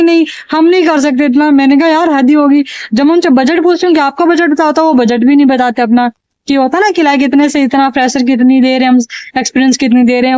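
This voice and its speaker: A woman's voice: high-pitched, darkish tone, no echo, dull audio. A woman from India, ranting casually to camera in a vlog, chatty and exasperated, repeating phrases for emphasis. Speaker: vlogger.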